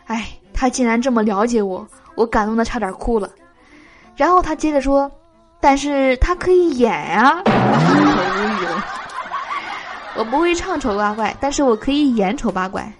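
A woman podcast host reading out jokes in a lively way, laughing between them. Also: a little high, a little fast, faint music behind.

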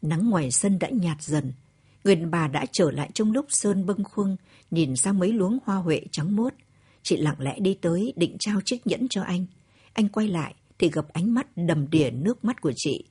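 A woman reading a short story aloud in a measured, tender storytelling manner, with a husky voice. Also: fairly low pitch, animated, mellow. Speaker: narrator.

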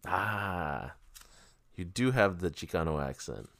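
A man's voice: sits low, big pitch swings, slow, gravelly, a bit bright, no room sound. A man chatting casually, with an informal, teasing way of putting questions to the other person. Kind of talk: casual chat.

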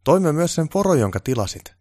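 A man's voice: fairly high pitch, big pitch swings, mellow, no room sound, clean studio sound, pitched above the performer's own voice. A man voicing an eager, fawning male supervisor who speaks politely and keenly.

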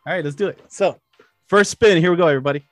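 A man's voice: high voice, very fast, a bit bright, faint music behind. Playful laid-back man hosting a chat. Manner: playful, laughs often, hypes up the game. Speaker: podcast host. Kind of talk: casual chat.

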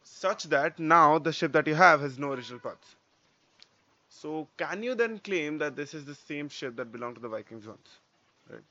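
A man's voice: fairly high pitch, animated, moderate pace, bright, forceful tone, dry recording. A man co-hosting a podcast, casually explaining step by step and often checking in with short tag questions. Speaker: podcast co-host. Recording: dull lo-fi audio.

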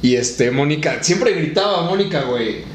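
A man's voice: on the high side, expressive, moderate pace. A Mexican man co-hosting a podcast, rambling casually with lots of fillers and slang. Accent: Mexican Spanish. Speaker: podcast co-host. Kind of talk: casual chat. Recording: echoey room, faint noise.

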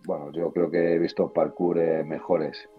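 Deep-voiced man, slightly muffled. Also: little pitch movement, a little slow. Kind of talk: casual group chat about a TV series. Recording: muffled sound, music underneath.

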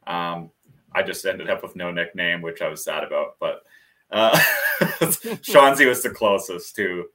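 Deep, bright-toned man chatting. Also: measured pace. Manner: animated storyteller, laughs often. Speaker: podcast co-host. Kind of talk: casual chat.

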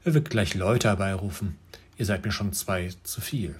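A man's voice: moderate pace, slightly rough. A man voicing a grumpy, ungrateful little male dwarf who snarls and shrieks his complaints in a storybook reading. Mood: grumbling. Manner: scolding, shrill and snarling.

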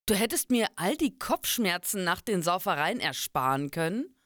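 A woman voicing a blunt, gruff, hard-drinking male fighter. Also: fairly low pitch, sing-song, normal speed, fairly bright tone, no room sound, clean studio sound.

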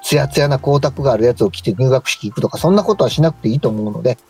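A man's voice: mid-range voice, rapid-fire, gravelly, darkish tone, soft background music. A man with a Kansai Japanese accent giving a polite, informal explanatory talk as a radio co-host and stylist. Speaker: co-host, stylist and tailor shop manager.

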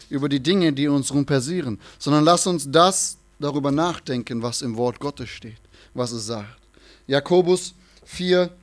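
A man preaching a sermon in an earnest manner, quoting scripture and repeating phrases for emphasis. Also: on the high side.

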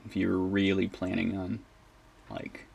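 A man's voice: deep voice, monotone, measured pace, vocal fry, a little mellow, a little hiss or hum. A man co-hosting a podcast, cracking jokes and wandering into goofy tangents. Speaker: podcast co-host. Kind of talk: casual chat.

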